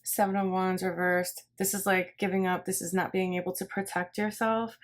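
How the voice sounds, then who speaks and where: A woman gives a casual tarot reading, thinking out loud in a rambling way and often repeating her phrases. Her mid-range voice is level at normal speed, and card shuffling and clicks are clearly audible in the background.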